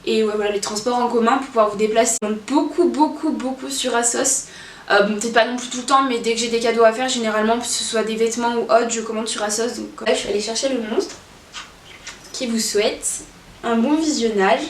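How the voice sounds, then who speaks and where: A woman's voice: a little high, steady tone, a little fast. Chatty young woman in an echoey room. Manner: chatty, rambling with many fillers. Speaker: vlogger. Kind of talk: casual chat. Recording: echoey room, from a distance, faint noise.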